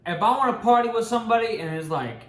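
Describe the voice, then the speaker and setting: A man's voice: high-pitched, lively intonation, fast talker, a bit bright. Slangy young American man in echoey room. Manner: informal, slangy. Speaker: co-host of a couple's Q&A. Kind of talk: casual chat. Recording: roomy echo, faint background noise.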